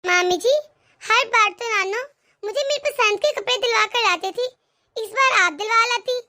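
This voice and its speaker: A woman's voice: extremely high pitch, normal speed, pushed and bright. A woman voicing a spirited young girl in a cartoon, speaking with hurt, outspoken indignation. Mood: complaining. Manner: pleading, indignant. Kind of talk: animated cartoon voice acting.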